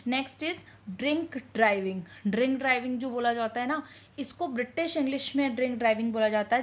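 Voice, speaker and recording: A woman teaches her viewers, asking a question and then answering it herself, and calls them friends. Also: fairly high pitch. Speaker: English teacher. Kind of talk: classroom-style teaching.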